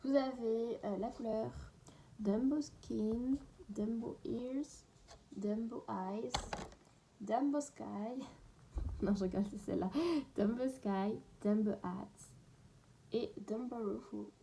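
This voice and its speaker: A woman talks through a beauty haul in a relaxed, unscripted way, her voice mellow and soft-edged. She keeps slipping into a half-whisper between livelier remarks. A faint hiss sits under the recording. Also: fairly high pitch, slow pace, creaky. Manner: chatty, often drops to a half-whisper. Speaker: beauty vlogger. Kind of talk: casual unedited haul chat.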